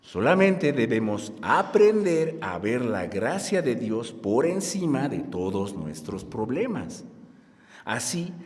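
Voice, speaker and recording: A man preaching a sermon as pastor, slow and lively, rising loud on key words and leading his congregation. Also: mid-range voice. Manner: slow, lively preaching with strong rises in loudness; leads the congregation in reading aloud. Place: church hall at a conference. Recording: long hall reverb.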